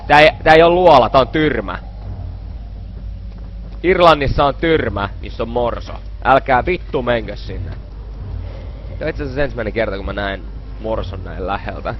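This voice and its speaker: A man's voice: fairly low pitch, animated, long pauses, highs cut off, a little hiss or hum. A young man playing a horror game, narrating his let's play after drinking beer, swearing a lot and screaming in panic when frightened. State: tipsy from beer. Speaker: gaming video host.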